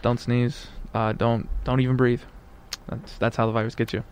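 A man hosting a casual podcast, joking and teasing his co-hosts in a deadpan way. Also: medium pitch, moderate pace, a little hiss or hum. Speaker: podcast host. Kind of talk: casual chat.

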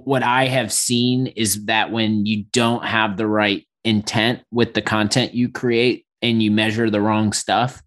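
Podcast cohost guy, relaxed, kinda thinking out loud. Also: lowish voice. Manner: thoughtful, reflective, talks things through. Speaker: podcast co-host. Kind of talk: casual conversational podcast talk.

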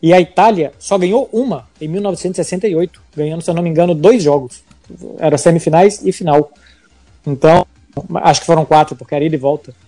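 Male Brazilian sports podcast host, conversational, higher-pitched, faint music behind. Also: fast, dark tone.

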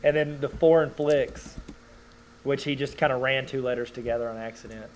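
A man's voice: mid-range voice, fairly even intonation, normal speed, slight background noise, rough recording. A man with a Californian accent chatting casually on a podcast, with a dry, wisecracking way of talking. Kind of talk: casual joking podcast chat.

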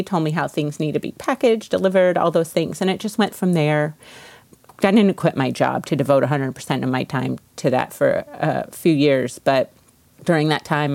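With a notably low, somewhat dark voice, a woman who bakes and owns a business talks casually and informally as an interview guest telling her own story. The recording is dry, with almost no room echo.

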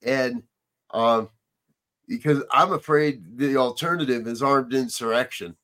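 A man's voice: mid-range voice, unhurried, a bit bright. Brief: male talk show host, earnest, chatty, laughs easily. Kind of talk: casual chat on current events.

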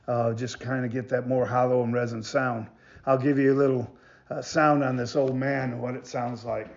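A man giving a casual product demonstration as a maker of hunting calls, talking in a halting, rambling way and often repeating himself. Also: mid-range voice, little pitch movement, gravelly, highs cut off. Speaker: goose call maker presenting products.

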